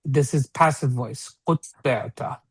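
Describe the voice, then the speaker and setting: Over an online video call, a man teaches an informal, interactive read-along class, explaining phrase by phrase in a halting way and often checking for understanding. His voice is mid-range and slightly rough, with no room sound.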